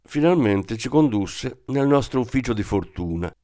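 A man's voice: mid-range voice, lively intonation, moderate pace, mellow. Man narrating an audiobook steadily. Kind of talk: scripted narration.

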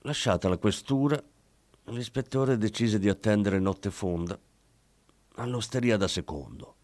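A man reading a crime story aloud in measured, expressive scripted narration. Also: on the low side. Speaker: audiobook narrator. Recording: faint background music.

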